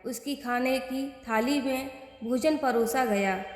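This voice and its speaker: A woman tells a folk tale in a high voice, taking it slowly and measuring each phrase. The room is echoey, and a long reverb trails after her words. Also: soft background music. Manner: slow, measured storytelling. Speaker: storyteller.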